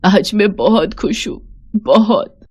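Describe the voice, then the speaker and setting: A woman voicing an elderly, kind and patient mother-in-law who speaks slowly in a low, soft voice. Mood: tearful joy.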